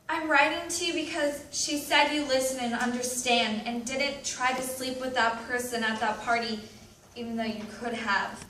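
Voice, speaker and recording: This woman's high-pitched, sharp voice carries a dramatic, emphatic readers theatre monologue. She portrays an anxious, anguished teenager full of self-loathing who writes confessional letters. The audio is roomy, captured on a distant mic with background noise.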